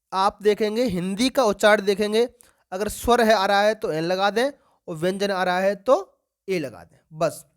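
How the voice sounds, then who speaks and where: A woman teaching an exam-prep grammar lesson to students, asking questions and answering them herself and repeating key words for emphasis. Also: medium pitch.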